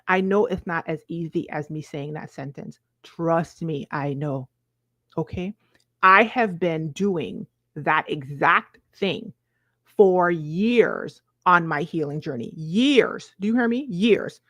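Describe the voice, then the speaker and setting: A woman's voice: low voice, takes it slowly, fairly bright tone, dry recording. Emphatic Virgin Islands woman, dry close sound. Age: 40s. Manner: emphatic, conversational, with frequent check-in questions. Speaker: self-help coach. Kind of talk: motivational talk to viewers.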